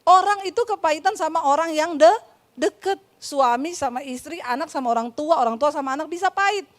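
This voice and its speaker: High-voiced woman pastor preaching. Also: a little fast. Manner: lively storytelling with humor. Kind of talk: sermon.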